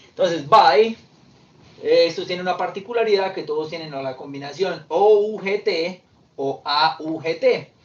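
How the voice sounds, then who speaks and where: A man teaching an online English class, slowly explaining and repeating verb forms. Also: on the high side. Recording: distant, dull lo-fi audio with faint noise.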